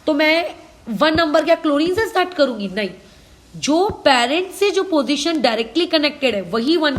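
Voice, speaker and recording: A woman's voice: sits high, slight background noise. An Indian woman teaching chemistry, mixing Hindi and English, spelling out names letter by letter and answering her own questions. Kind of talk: online lesson, working problems aloud.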